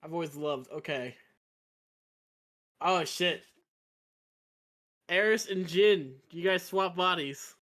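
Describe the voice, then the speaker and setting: A man's voice: on the high side, slow pace, pauses often, a bit bright. A man acting as game master of a casual tabletop game, laughing often and stumbling over restarts.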